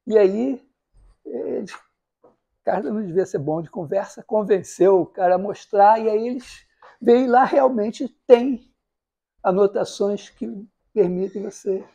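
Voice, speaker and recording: With a Brazilian accent and a medium-pitched voice, a university math lecturer delivers an informal lecture built around stories. He rambles, goes off on digressions and corrects himself along the way.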